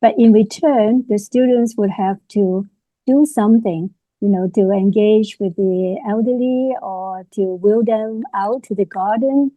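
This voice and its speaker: A woman's voice: mid-range voice, unhurried, no room sound, phone-quality sound. A woman moderating a webinar on a video call, closing with thanks and frequent "you know" fillers.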